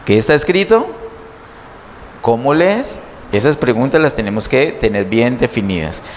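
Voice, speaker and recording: A man's voice: mid-range voice, big pitch swings, moderate pace. A man preaching a sermon in a church, teaching step by step and asking his listeners many questions. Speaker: pastor. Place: church hall. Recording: church hall reverb, faint noise.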